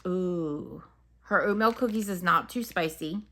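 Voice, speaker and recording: At a measured pace, her voice on the low side and sharp in tone, she muses over her wax melts. This casual, unscripted review from a home fragrance reviewer walks through each scent.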